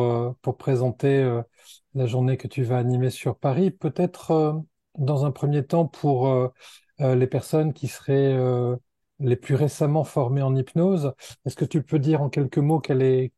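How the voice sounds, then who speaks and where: A man with a very dark, mellow voice asks his interview questions hesitantly, filling his pauses. The sound is dry and close, with no room around him. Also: mid-range voice, steady tone, no echo. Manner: hesitant, many fillers. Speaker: interviewer for a training organization.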